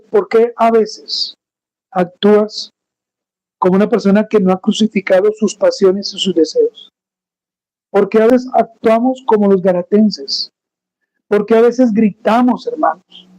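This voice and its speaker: A male pastor delivers a sermon in a mellow, relaxed tone, pressing his listeners with one rhetorical question after another. He keeps coming back to "brothers" as he speaks. The recording is slightly dull and muffled. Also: sits high. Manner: rhetorical questions, repeats "hermanos" constantly.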